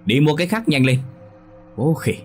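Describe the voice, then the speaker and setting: A man's voice: lowish voice, sing-song, brisk, a little mellow, soft background music. A man voicing a stingy, bad-tempered middle-aged village man who grumbles and scolds. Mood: angry.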